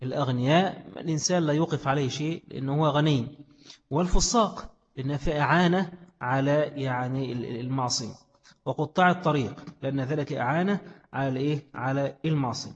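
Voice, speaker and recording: A man's voice: mid-range voice, quick pace. A man with an Egyptian accent teaching a classroom lesson, explaining a text and asking questions that he answers himself. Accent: Egyptian Arabic. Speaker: religious studies teacher. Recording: echoey hall, dull lo-fi sound.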